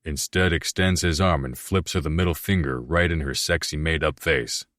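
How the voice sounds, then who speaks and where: A man narrating a romance audiobook in the first person, in a steady, measured reading. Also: extremely low pitch, dry recording, studio quality.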